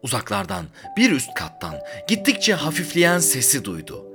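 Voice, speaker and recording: A man's voice: fairly high pitch, normal speed, music in the background. A man hosting a podcast, reading a story aloud dramatically and acting out the characters' lines. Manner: expressive, voices characters' lines. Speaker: podcast host and reader.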